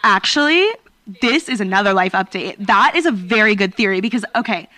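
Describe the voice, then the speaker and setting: A woman's voice: mid-range voice, animated, a little fast, bright, forceful tone, no room sound. A young woman co-hosting a podcast, telling a story in casual chat with lots of fillers. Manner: chatty storytelling with many fillers. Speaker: podcast co-host. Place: basement at home.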